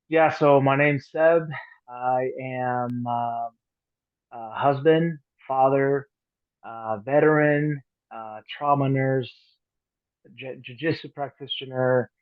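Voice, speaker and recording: A man in his thirties from Colombia, a podcast guest talking earnestly, often trailing off softly. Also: mid-range voice, steady tone, takes it slowly, no room sound. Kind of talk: casual interview chat. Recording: dry, phone-like call audio.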